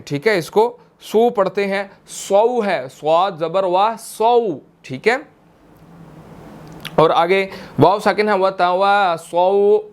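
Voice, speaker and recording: A young man with a Pakistani Urdu accent teaches tajweed in a high, smooth voice. He speaks at an unhurried pace and patiently repeats single words to show how they should sound. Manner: patient, repeats words slowly to model pronunciation; slow melodic Quran recitation between explanations. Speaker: Quran recitation teacher. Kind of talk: tajweed lesson, explaining and demonstrating.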